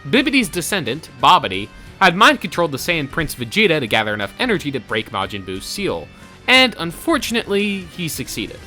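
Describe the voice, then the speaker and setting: Faint background music accompanies a male co-host as he theatrically narrates a scripted versus show. He speaks fairly quickly in a slightly high, bright, forceful voice whose pitch swoops wildly.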